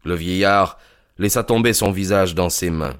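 A man narrating a story in a measured, descriptive way, like a dramatic audiobook reading. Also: low voice, clear, resonant tone, no echo, clean studio sound.

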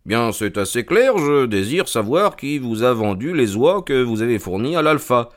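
A man reading an audiobook, voicing a cunning middle-aged detective who talks calmly and stubbornly in a teasing way. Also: medium pitch, moderate pace, voice pushed up, close to an everyday voice. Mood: cool.

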